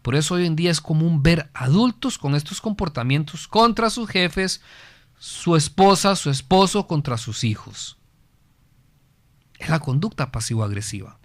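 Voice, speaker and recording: A man's voice: on the high side, lively intonation, unhurried, no room sound. A man from Costa Rica with a Costa Rican accent, hosting a family guidance program and lecturing earnestly on parenting, often asking himself questions and answering them. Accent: Costa Rican Spanish. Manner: earnest, rhetorical questions, repeats phrases for emphasis. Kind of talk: didactic talk on parenting.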